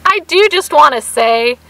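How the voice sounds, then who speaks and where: A woman co-hosting a vlog with a crackly, hoarse voice, chatting casually and telling stories in an animated way. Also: high voice, dry recording. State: hoarse for weeks. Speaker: vlog co-host. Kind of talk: casual chat to camera.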